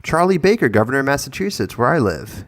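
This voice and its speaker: A man's voice: medium pitch, very animated, fast talker. A young man from Long Island, New York, co-hosting a podcast with wry, teasing questions in casual chat. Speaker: podcast co-host.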